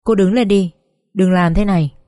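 A woman voicing a grave, formal male doctor who speaks in a measured way in an audiobook story. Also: medium pitch, steady tone, warm tone, no echo, clean studio sound, close to an everyday voice.

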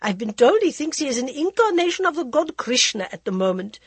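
A woman reading aloud voices a theatrical high-society lady who gushes and calls everyone darling. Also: sing-song, a little fast, no room sound. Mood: gushing gossip.

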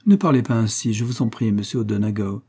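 A man's voice: on the low side, quick pace, mellow, husky. A man voicing an emotional, affected middle-aged widow in an audiobook, speaking in a gushing, tearful manner. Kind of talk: audiobook character reading.

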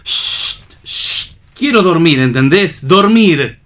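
A man's voice: high-pitched, sing-song, a little slow, a bit bright, exaggerated voice. A man voicing a grumpy, sleepy father and a cheeky, mocking teenage son in a radio theatre reading. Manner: gruff and mocking.

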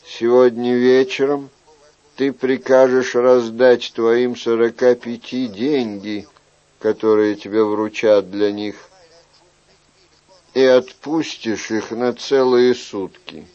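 A man reading an audiobook, voicing a weary, wry middle-aged king in a soft, measured way. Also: mid-range voice, fairly even intonation, lo-fi sound, lightly acted.

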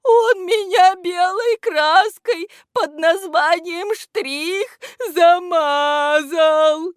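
A woman's voice: very high-pitched, expressive, slow, no room sound, clean studio sound, pitched above the performer's own voice, exaggerated voice. A woman voicing a frightened, tearful female letter T who cries out from out of sight. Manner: tearful wailing.

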